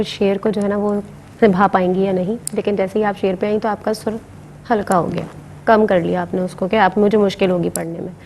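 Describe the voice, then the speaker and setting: A woman's voice: fairly high pitch, darkish tone, slight background noise. A woman judging naat recitation, explaining singing technique step by step in an instructive way. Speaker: naat judge. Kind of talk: giving feedback on a performance. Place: TV studio.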